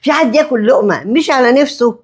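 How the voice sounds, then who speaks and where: A woman playing a stubborn, husky Egyptian mother-in-law. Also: sits high, expressive. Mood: sharp. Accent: Egyptian Arabic. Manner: blunt, defiant, quick retorts. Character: stubborn sharp-tongued middle-aged mother-in-law.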